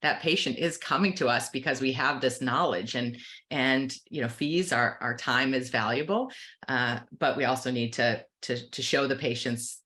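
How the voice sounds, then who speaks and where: Speaking in a pushed, bright, medium-pitched voice at a moderate pace, a practice-owning optometrist with an American accent earnestly explains things during a conversational podcast interview.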